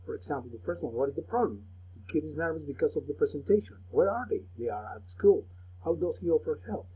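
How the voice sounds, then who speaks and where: A man's voice: a little high, expressive, moderate pace, breathy edge, muffled recording. A man teaching a recorded remote lesson, patiently explaining step by step and repeating phrases for pupils to echo.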